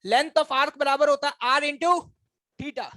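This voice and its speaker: Male physics teacher, high-pitched, dry sound, quizzes and ribs the class. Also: fairly even intonation, slow pace, bright, forceful tone, no room sound. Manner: quizzes and teases students, addresses them as brothers. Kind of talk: classroom lecture. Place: classroom with students.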